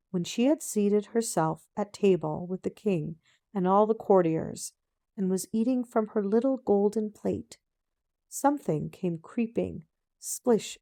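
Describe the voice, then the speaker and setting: A woman narrating a fairy tale in a gentle storybook-opening manner, with measured, unhurried phrasing. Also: medium pitch, animated, creaky, no room sound, clean studio sound.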